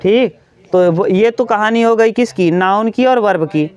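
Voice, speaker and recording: A man teaching an English grammar class to students, talking straight to them and repeating each example slowly. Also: sits high, clear, resonant tone.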